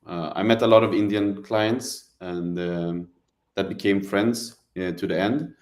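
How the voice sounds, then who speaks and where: A man from Sweden, a real estate advisor, speaking as an interview guest in a measured, hesitant way with many ums. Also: low voice, steady tone. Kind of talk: casual interview.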